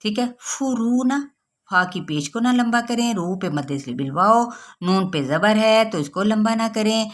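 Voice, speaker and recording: A woman teaching Quran recitation rules patiently, checking with her listeners and drawing out example words slowly. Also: medium pitch, expressive. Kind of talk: tajweed lesson.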